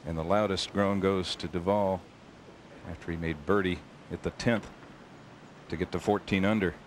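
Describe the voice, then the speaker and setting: A male golf commentator giving measured live tournament commentary in short descriptive phrases. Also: low-pitched, steady tone, a little hiss or hum.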